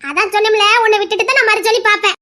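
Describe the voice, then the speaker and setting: A woman's voice: extremely high pitch, steady tone, rapid-fire, pushed and bright. A woman playing an exasperated wife and mother who scolds her husband in a family comedy skit. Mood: curt.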